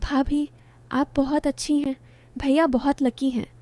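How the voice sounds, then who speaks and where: A woman voicing a gentle, earnest young man who speaks affectionately to his sister-in-law. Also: sits high, level tone, measured pace, no room sound, pitched above the performer's own voice. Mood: tender. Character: tender young man, devoted brother-in-law.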